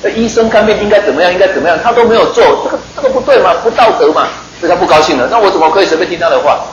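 A man's voice: high-pitched, animated, very fast, reverberant, highs cut off, a little hiss or hum. A man preaching a sermon in a chatty, joking way, often putting questions to his listeners.

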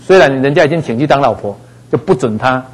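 A man teaching a Bible passage in a relaxed, conversational way, dropping frequent little fillers. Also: medium pitch, fast, breathy edge, rough recording. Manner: conversational, frequent "哈" fillers, acts out voices in quotes.

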